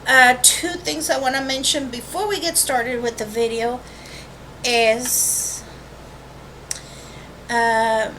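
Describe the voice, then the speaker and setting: Hosting a watercolor art channel, this high-voiced woman rambles through a relaxed vlog intro, correcting herself and drifting into informal tangents. Her tone is bright and forceful, and the low-quality recording from her laptop's webcam mic carries a faint hiss.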